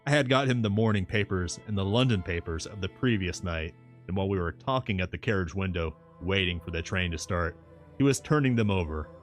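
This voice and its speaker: A man's voice: low-pitched, expressive, fairly quick. A man reading a novel aloud as a streamer, narrating it and dropping in casual asides. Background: faint background music.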